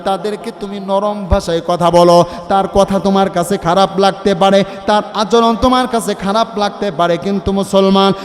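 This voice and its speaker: A male preacher with a Bangladeshi Bengali accent giving a waz sermon, moving from soft talk into loud sung chanting. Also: high voice, fairly even intonation, normal speed. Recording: long hall reverb with faint music.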